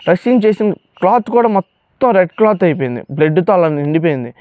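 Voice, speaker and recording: A young man telling his own testimony in a rushed, emotional storytelling manner, acting out the pleading words of others. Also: sits high, expressive, dry recording, narrow, tinny audio. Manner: fast emotional storytelling, acts out pleading quotes. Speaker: testimony speaker. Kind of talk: personal testimony.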